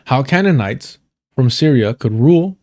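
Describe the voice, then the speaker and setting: A livestream host with a mid-range, darkish voice reads an article aloud at a moderate pace with lively intonation. He stumbles over words often, correcting himself and apologizing.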